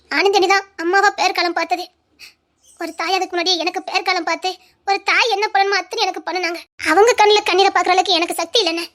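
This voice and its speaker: A woman's voice: extremely high pitch, a bit bright. A woman voicing an emotional, devoted young village wife in a cartoon, pleading and tearful, with a Tirunelveli Tamil accent. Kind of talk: cartoon voice acting.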